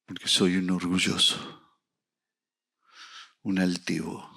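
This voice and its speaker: A middle-aged man preaching a sermon, telling a personal story with acted dialogue and rising to loud, emphatic peaks. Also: low-pitched, completely flat delivery, slow, creaky, slightly rough. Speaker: pastor.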